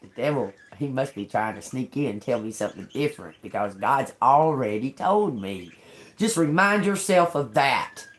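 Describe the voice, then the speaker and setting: A woman's voice: rumbling low, expressive, moderate pace. A woman in her fifties doing a tarot reading for viewers in an emphatic, chatty way, calling them y'all. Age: 50s. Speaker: tarot reader.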